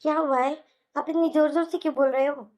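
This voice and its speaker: A woman voicing a patient young housewife in a cartoon, reasoning gently and pleading with a Hindi accent. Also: sits high, steady tone, fairly quick, natural voice. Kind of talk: cartoon voice acting.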